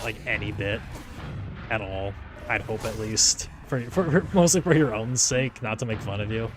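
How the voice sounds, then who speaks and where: A man in his twenties chatting casually during an online game, rambling with lots of "like"s and restarts and chuckling often. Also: on the low side. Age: 20s. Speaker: gaming YouTuber. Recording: game gunfire behind the voice. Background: game gunfire and explosions.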